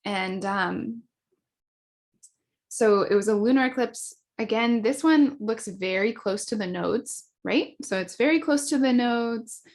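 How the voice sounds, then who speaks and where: A woman's voice: a little high, darkish tone. Chatty woman explaining astrology. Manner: fast and chatty, with many fillers and self-corrections. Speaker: astrologer teaching a class. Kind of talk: casual explanatory talk.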